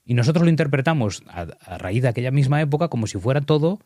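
A man's voice: mid-range voice, expressive, fast, warm tone, no echo, clean studio sound. Earnest man coaching. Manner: earnest, explanatory, emphatic. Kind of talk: conversational coaching, guiding an exercise.

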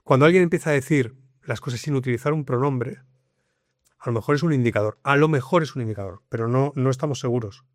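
A man explains things in a lively, conversational way, often repeating his point. He speaks at a middling pitch into a dry, close microphone with no room sound. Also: fast, no echo. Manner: explanatory, lively, leans on repetition. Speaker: guest, communication coach. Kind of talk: conversational interview.

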